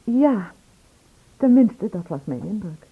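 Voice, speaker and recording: An actress in an old radio play voices an anxious woman who has witnessed a murder and is shaken by it, confiding in a hesitant, uneasy way. Her mid-range voice is sing-song, slow, slightly rough and heavily acted. The recording is tinny and narrow-band.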